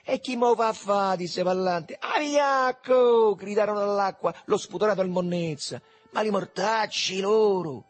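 Husky man reading a novel aloud. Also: a little high. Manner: expressive, animated. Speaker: narrator.

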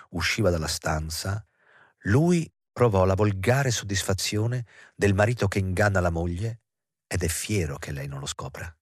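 Deep, husky male audiobook narrator. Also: dry recording, studio quality. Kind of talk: scripted narration of a novel.

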